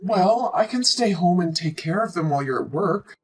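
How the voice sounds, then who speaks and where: In a scripted relationship drama, a woman in her twenties plays a pregnant girlfriend who has just found out, hurt, pleading, emotional and reproachful. Her voice is fairly low, husky and animated, at normal speed, with soft background music.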